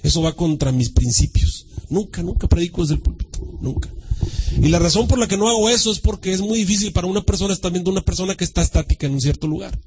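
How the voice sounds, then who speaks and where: A male pastor preaching a sermon, dramatic, swinging from shouts to a hushed voice and mimicking churchgoers. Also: high voice, expressive, fast, slight background noise, low-quality recording.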